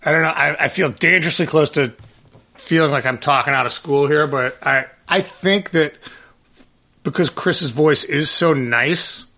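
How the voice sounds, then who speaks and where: With a fairly high, pushed and bright voice at a moderate pace, a man who sings in a band chats as a guest. The casual conversation finds him rambling, full of restarts and filler words.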